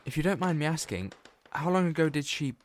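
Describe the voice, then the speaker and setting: A man's voice: on the high side, lively intonation, fairly quick, close to an everyday voice. A man playing the Doctor, an eccentric male sleuth in a fan audio drama, talking in a chatty, whimsical way.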